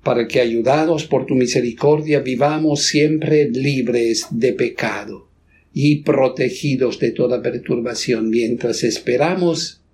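A man leading Mass as a priest, reciting liturgical prayers in a solemn, measured manner. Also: medium pitch, a little mellow. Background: congregation voices.

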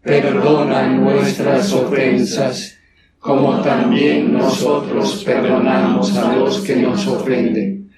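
A man's voice gives unhurried, monotone liturgical responses, some of them sung. It sounds distant from the microphone and is wrapped in a heavy cathedral echo. Loud church music plays behind it. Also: medium pitch. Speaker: congregation responding at Mass. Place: large church. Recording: roomy echo, far from the mic, music behind.

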